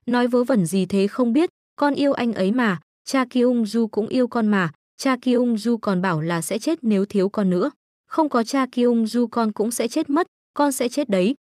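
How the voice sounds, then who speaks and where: A woman's voice: fairly high pitch, normal speed, darkish tone, no room sound, studio quality, close to an everyday voice. A woman voicing a desperate young man who pleads frantically for his lover. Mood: defiant. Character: desperate young man in love, pregnant son.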